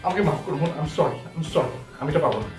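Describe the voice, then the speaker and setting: A man plays a fussy young husband terrified of germs. His voice sits a little high and pleads nervously, like a TV drama scene with music playing faintly underneath. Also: expressive, quick pace, lightly acted. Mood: panicked. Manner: panicky, then softly pleading. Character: fussy germ-fearing young husband, anxious. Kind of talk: TV drama acting.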